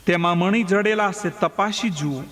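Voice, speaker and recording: A man's voice: high voice, normal speed, a bit bright, voice pushed up. Humble, earnest reformed dacoit, read by a male narrator; slightly raised voice, long reverb.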